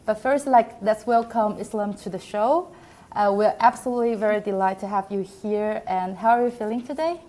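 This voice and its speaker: A woman's voice: mid-range voice, moderate pace, dark tone. A young woman in her twenties, a PhD student hosting a podcast, introducing a guest eagerly and asking questions. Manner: enthusiastic, eager.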